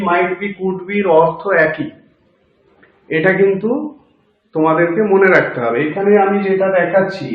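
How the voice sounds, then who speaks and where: A man giving a grammar lesson as a teacher, explaining slowly step by step with filler sounds. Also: high-pitched. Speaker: English teacher. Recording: very echoey, dull lo-fi room.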